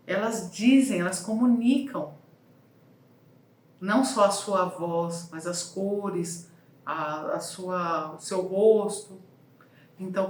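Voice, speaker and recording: A woman giving casual advice as a communication and voice coach, talking with lively shifts in pace and emphasis. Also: mid-range voice, reverberant.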